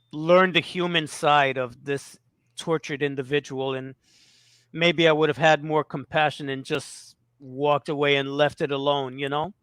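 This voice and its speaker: Animated New man telling a story. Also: on the high side, clean tone, no room sound. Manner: laughing, swears freely, repeats himself. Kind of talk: casual conversation, storytelling.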